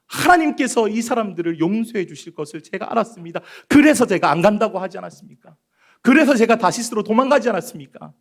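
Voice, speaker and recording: A man's voice: sits high, pitched above the performer's own voice. A man preaching who voices an angry prophet protesting to God in raised, indignant tones. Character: angry complaining male prophet pleading with God.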